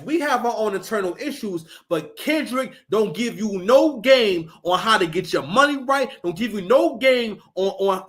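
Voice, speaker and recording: High-voiced man ranting on a livestream. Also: a bit bright. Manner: profane, ranting, repeats words as he restarts. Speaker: livestream host and former battle rapper. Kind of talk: heated livestream commentary.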